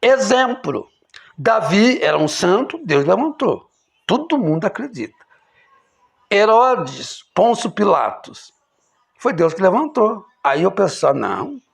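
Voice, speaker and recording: Gravelly, animated preacher man. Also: slow. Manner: emphatic, swinging from loud exclamations to low quiet lines. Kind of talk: impassioned religious sermon.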